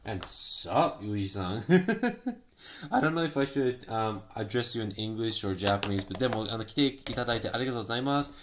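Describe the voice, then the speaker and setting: A man's voice: fairly low pitch, animated, moderate pace, noisy background. A man chatting casually on a live stream while he works on a hobby project, switching between Japanese and English, politely greeting viewers by name. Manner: switches between Japanese and English, many fillers, laughs often.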